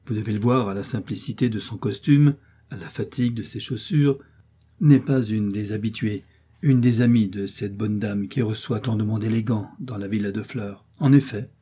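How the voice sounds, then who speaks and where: A man with a low, breathy-edged voice reads the part of a calm, assured detective's agent who explains things in a measured, reassuring manner.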